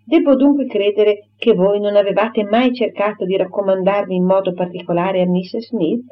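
A woman voicing a proper young gentlewoman who firmly and formally rejects a suitor, on a dull lo-fi recording. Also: medium pitch, fairly even intonation, normal speed, close to an everyday voice. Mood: indignant firm. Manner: firm, crisp and formal.

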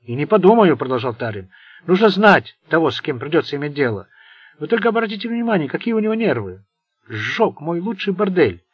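A man's voice: on the high side, big pitch swings, brisk, husky, dry recording, lo-fi sound, pitched above the performer's own voice. A man voicing a bitter, sardonic Italian gangster who rambles nervously. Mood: anxious. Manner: sarcastic, venomous.

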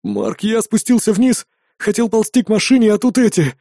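A man voicing a frightened young male sidekick near tears, talking in rushed, broken sentences. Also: high-pitched, sing-song, warm tone, dry recording, clean studio sound, pitched above the performer's own voice, heavily acted. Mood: panicked.

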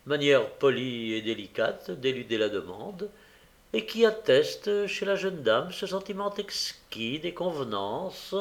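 A man reading a classic novel aloud in measured narration, with small hesitations. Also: medium pitch. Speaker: audiobook reader. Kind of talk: scripted narration.

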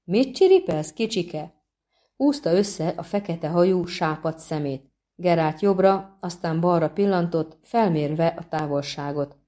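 Woman narrator, audiobook, calm measured reading, low pitch, dark mellow tone. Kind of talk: scripted narration.

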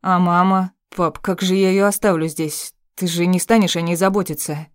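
A woman's voice: fairly low pitch, little pitch movement, moderate pace, dry recording, clean studio sound, close to an everyday voice. A woman voicing a frightened teenage son who pleads anxiously.

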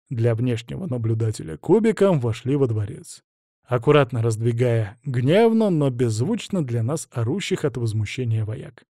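A man's voice: mid-range voice, mellow, dry recording, clean studio sound. A man narrating a fantasy audiobook in a wry, conversational first-person voice.

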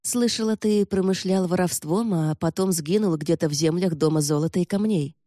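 A woman's voice: on the low side, moderate pace, dark tone, dry recording, studio quality, lightly acted. A woman voicing a young noblewoman who speaks firmly and demandingly. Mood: stern. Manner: firm, demanding. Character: young noblewoman, stern and urgent.

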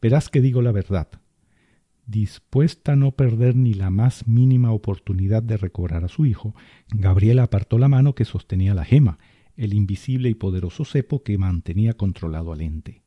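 A man giving scripted narration of a story podcast in a measured way. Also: on the low side, no echo, dull audio.

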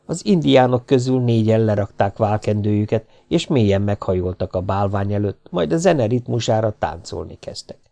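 Gravelly male audiobook narrator. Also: on the low side, expressive, few pauses, warm tone. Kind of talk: scripted narration.

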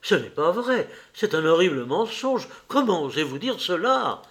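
An earnest, impulsive young man, as an audiobook reader puts him on, speaking with heightened feeling. The voice is lifted a little high and delivered slowly. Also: animated. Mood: shocked. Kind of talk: audiobook character reading.

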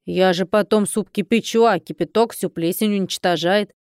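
A woman voicing a carefree, sloppy innkeeper woman in an audiobook, in a brash, lowered, gruff manner. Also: moderate pace, a little mellow, dry recording, studio quality, lightly acted. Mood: grumbling.

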